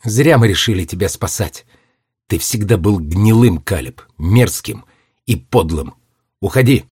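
A man's voice: fairly low pitch, lively intonation, measured pace, breathy edge, dry recording, studio quality, full character voice. A man voicing a fierce, grieving young girl. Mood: furious. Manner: fierce, bitter, shouting at times.

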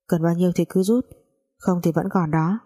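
A woman's voice: lowish voice, normal speed, mellow, slightly rough. A woman voicing a cold, wealthy young husband who speaks curtly and matter-of-factly, in a storybook reading. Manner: curt, matter-of-fact.

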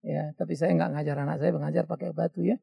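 A middle-aged male pastor, preaching a sermon in a lively storytelling way, mimicking voices and laughing at his own stories. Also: a little high, quick pace, vocal fry, husky.

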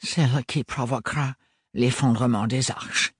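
A man voicing a timid, soft-spoken young man, a son who talks hesitantly and in a murmur. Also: medium pitch, steady tone, measured pace, breathy edge, no echo, studio quality. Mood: hushed.

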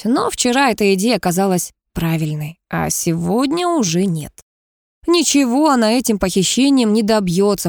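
A woman's voice: mid-range voice, a little mellow, no room sound, clean studio sound. A woman narrating an audiobook in a wry, ironic tone.

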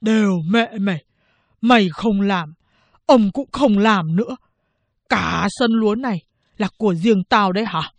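A woman's voice: medium pitch, unhurried, no echo. A woman voicing a grumpy old peasant father who bickers with his son in a spoken story. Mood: grumpy bickering. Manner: grumbling, bickering.

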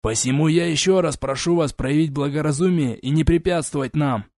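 A man doing an old elf ambassador, condescending, measured and lecturing, a bit higher and slower, dry sound. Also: a little mellow, dry recording, close to an everyday voice. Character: aged male elf ambassador, cold, condescending.

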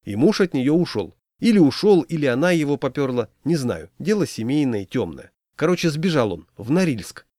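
A man playing a fussy, rambling gossip who spills secrets in a hurried, confiding patter, raised in pitch. The voice swings lively and sounds dry and close. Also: no room sound, close to an everyday voice. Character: fussy scheming man, anxious talker.

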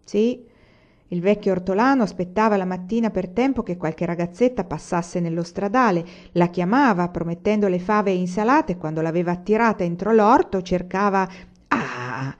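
A woman reading a classic novel aloud in a measured, even storytelling manner. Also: medium pitch, highs cut off. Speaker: audiobook reader. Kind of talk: literary audiobook narration.

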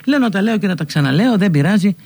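A sick, feverish woman hosting a radio talk show, teaching and scolding emphatically with sharp swings in pitch. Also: animated. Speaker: radio host.

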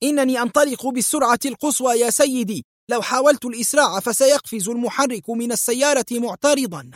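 A man voicing a jittery driver in an audio thriller, his voice pushed far higher than usual and tight with worry. He answers his boss in quick, uneasy bursts, recorded close and dry. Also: no echo. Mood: anxious. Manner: anxious, respectful to his superior. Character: nervous hesitant male car driver.

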